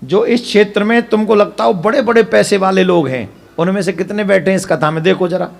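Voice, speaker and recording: A man's voice: sits high, fairly quick, creaky. A man preaching a devotional katha sermon, emphatic and full of rhetorical questions to the audience.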